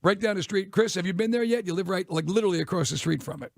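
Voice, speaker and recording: An American man hosting a radio show in casual, chatty, opinionated talk with an animated manner. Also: high voice, rapid-fire, no room sound, clean studio sound. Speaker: sports radio host. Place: radio studio. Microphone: close broadcast microphone.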